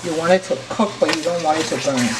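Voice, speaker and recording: A Liberian woman with a low voice and a Liberian accent talks fast but calmly, walking through each step of a recipe as she stirs in her home kitchen for her cooking channel. The distant mic picks up a sizzling pot and stirring.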